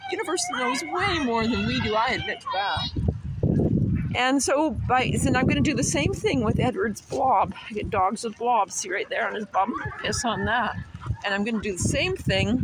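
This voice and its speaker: A woman's voice: a little high, heavy background noise. A woman in her sixties rambling outdoors, laughing often and chatting to her dogs. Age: 60s. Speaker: vlogger talking to children.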